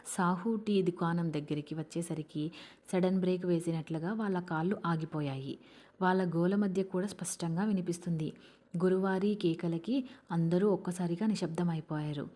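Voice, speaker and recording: A woman narrating a novel as an audiobook in a measured storytelling manner. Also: on the low side, warm tone.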